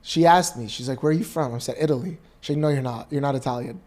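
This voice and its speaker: Male co-host, casual chat, animated storyteller, mid-pitched. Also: fast talker. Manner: animated storyteller, acts out voices. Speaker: podcast co-host.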